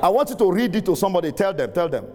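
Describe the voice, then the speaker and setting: A middle-aged man preaching a sermon, using call-and-response, laughing often and rising to shouts. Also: high voice, sing-song, racing, noisy background. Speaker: pastor. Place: large church hall with congregation. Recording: reverberant hall, faint room ambience.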